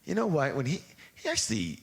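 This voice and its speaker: A man's voice: a little high, huge pitch swings, brisk, vocal fry. A man teaching a live seminar audience, rambling and acting out his inner voice, and leading call-and-response chants. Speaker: seminar trainer.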